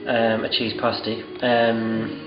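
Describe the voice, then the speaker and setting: A man's voice: on the low side, monotone, slow pace, roomy sound, dull audio, music in the background. A man in his thirties, tired, chatting rambly and self-mockingly with lots of ums while he cooks at home, filming himself on a handheld camera. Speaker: cooking vlogger. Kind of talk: casual vlog chat. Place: home kitchen at night. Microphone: handheld camera close to face.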